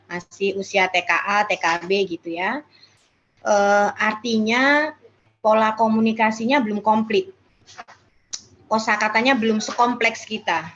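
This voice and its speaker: A woman's voice: medium pitch, a bit bright, highs cut off, a little hiss or hum. A woman speaker at a parenting class, explaining casually and acting out how children talk. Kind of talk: parenting talk answering questions.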